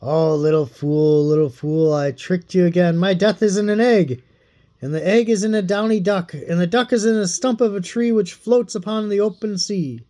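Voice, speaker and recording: A man's voice: high-pitched, normal speed, a little mellow, close to an everyday voice. Man playing Koshchei, the taunting deathless sorcerer. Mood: mocking. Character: deathless male sorcerer, mocking and stern.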